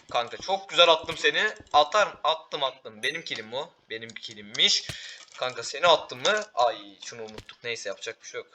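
A teenage boy giving excitable live commentary while playing a game, calling out to teammates and viewers. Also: a little high, slight background noise. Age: teens. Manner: excitable, talks to teammates and viewers, frequent exclamations. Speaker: gaming YouTuber.

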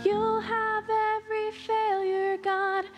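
A young woman sings a slow worship song in a church sanctuary, her voice very high and sustained. She holds each phrase gently. A handheld mic picks her up over loud piano. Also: flat delivery. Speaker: worship singer.

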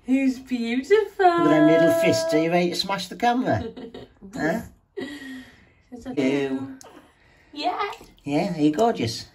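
Playful young dad doing baby talk. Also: male voice, sits high, wildly swooping pitch, moderate pace, pauses often, noisy background. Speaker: father playing with his baby. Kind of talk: home video chatter. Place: family home. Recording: home video with music playing.

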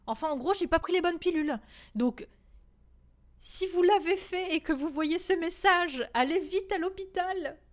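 A young adult woman streaming a horror game, chatting casually with her viewers. She swears freely, repeats herself in quick bursts and breaks into shrieks when the game startles her. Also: very high-pitched. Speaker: gaming streamer. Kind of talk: let's-play commentary of a horror game.

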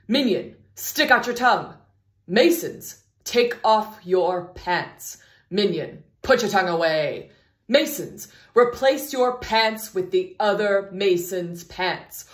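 A woman giving party-game instructions in a flat, deadpan parody of a game narrator. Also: lowish voice, roomy sound.

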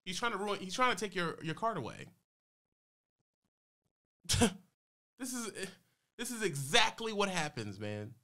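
A man's voice: high voice, sing-song, a little slow, pauses often, sharp tone. A man streaming, reacting to a clip and ranting heatedly, talking back at it and calling people bro and man. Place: home streaming room.

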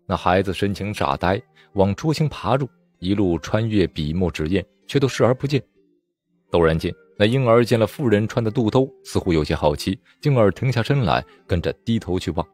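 A man narrating a novel audiobook with expressive storytelling. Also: lowish voice, fairly quick, faint music behind.

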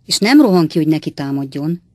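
A woman's voice: low-pitched, big pitch swings, a little mellow, no room sound, studio quality. Woman voicing a sly, knowing man. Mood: soothing. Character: sly, teasing man, a traveling salesman. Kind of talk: audiobook character voice.

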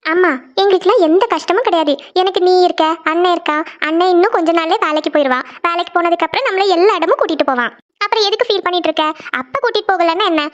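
A woman's voice: very high voice, quick pace, dull audio. A woman voicing a caring teenage daughter in a cartoon, coaxing and reassuring her mother. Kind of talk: cartoon voice acting.

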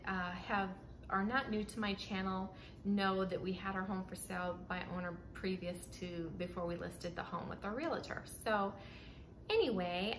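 A woman's voice: mid-range voice, fairly bright tone, a little hiss or hum. A woman, chatting to camera about her home in a casual, rambling way full of fillers and restarts. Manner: chatty, many fillers and restarts, says "y'all". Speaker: home decor vlogger. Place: home interior, indoors. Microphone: camera framed at chest height, close.

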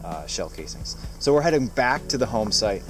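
A man's voice: fairly low pitch, sing-song, moderate pace, music in the background. A man in his thirties hosting a casual outdoor vlog, enthusiastically explaining his finds as he walks through a forest. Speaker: metal detecting channel host.

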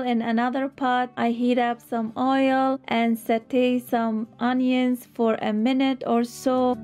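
Woman cooking channel host, slightly high voice, calm step by step recipe voice-over, bit of music behind. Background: soft background music.

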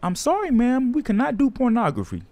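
Nervous student clerk for game role-play, played by a man: high-pitched, prim, apologetic, swooping delivery. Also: huge pitch swings, a little fast, dark tone, no room sound, full character voice. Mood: polite, firm. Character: timid polite young student working part-time.

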